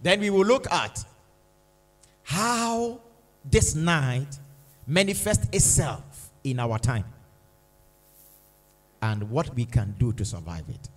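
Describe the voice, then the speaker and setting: Male pastor, slow dramatic sermon delivery, voice rising and falling a lot. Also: a little high, sing-song. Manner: slow, emphatic preaching with dramatic repetition. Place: church.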